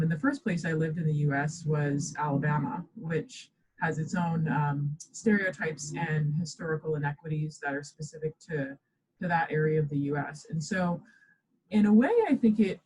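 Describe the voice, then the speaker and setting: Low-voiced Bahamian-raised woman professor. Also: darkish tone, a little hiss or hum, rough recording. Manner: thoughtful, measured, with frequent ums. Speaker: professor and guest. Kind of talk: podcast interview.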